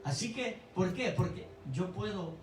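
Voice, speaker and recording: Pastor guy preaching loud n lively, darkish voice, roomy church sound from off mic. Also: a little slow, far from the mic, slight background noise. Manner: emphatic preaching with sudden pitch swings. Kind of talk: sermon. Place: church sanctuary.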